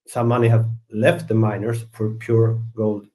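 A middle-aged man from Sweden, a guest fund manager, talks through the markets in a low, flat voice. His tone is mellow and he is measured, often repeating a word before going on. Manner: measured, repeats words while searching for phrasing. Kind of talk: interview answers.

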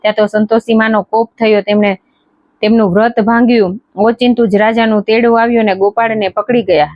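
A woman storyteller reading a devotional folk tale at a measured, steady pace. Her voice sits slightly high. The recording is dry, with a somewhat dull, lo-fi sound. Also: no room sound.

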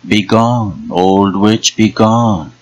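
A man's voice: extremely low pitch, slow, a bit bright, dry recording, exaggerated voice, rough recording. A man voicing an old woman fortune teller who taunts and jeers in a bitter, cackling way. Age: older.

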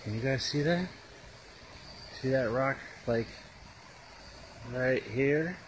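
A man vlogging while hiking a rough trail, chatting to viewers and out of breath, recorded on a handheld camera mic outdoors. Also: mid-range voice, slow pace, slight background noise. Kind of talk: outdoor exploring vlog.

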